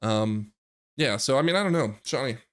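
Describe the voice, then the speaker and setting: A man's voice: mid-range voice, lively intonation, normal speed. A man hosting a casual gaming chat, rambling through his points and laughing often. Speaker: podcast host.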